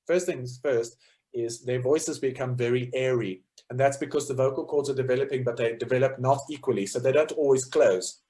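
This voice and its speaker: The man's voice is mid-range and dark, with a steady tone and a fairly quick pace. Lecturing informally on choral music and singing demonstrations along the way, he explains each step and thinks aloud using frequent fillers.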